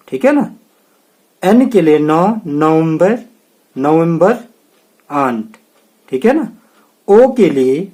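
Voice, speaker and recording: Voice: medium pitch, dark tone. A teacher explaining English letter sounds to beginners, going word by word and checking in often with the class. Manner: slow, patient teaching with repeated "ठीक है ना?" checks.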